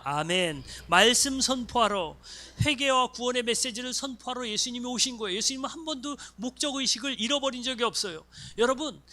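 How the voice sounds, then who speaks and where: Lively, bright-voiced male pastor preaching. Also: very high-pitched. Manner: animated, acts out voices of congregants and students. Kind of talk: sermon. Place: church sanctuary.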